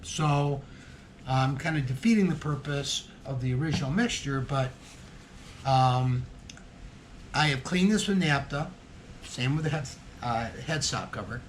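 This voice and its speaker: A man's voice: mid-range voice, expressive, unhurried, slight background noise. A man hosting his own guitar-building vlog, talking casually and hesitantly, thinking aloud with frequent ums and restarts. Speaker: hobby guitar builder and channel host. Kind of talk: casual workshop vlog narration.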